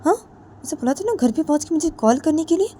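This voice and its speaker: A woman's voice: high voice, expressive, quick pace, mellow, pitched above the performer's own voice. A woman voicing an impatient young woman who fires off worried questions. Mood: annoyed. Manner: fretful, questioning.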